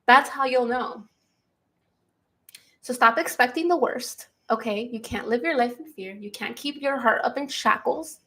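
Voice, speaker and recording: Young woman tarot reader with a highish voice, bubbly and earnest, laughs easily and hammers home her points. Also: measured pace. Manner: giddy and excitable, breaking into laughs; earnest, repeats key lines for emphasis. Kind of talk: collective tarot reading to camera.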